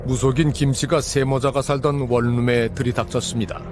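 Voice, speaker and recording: A man giving measured, suspenseful scripted narration for a documentary. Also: mid-range voice, fairly even intonation. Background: music.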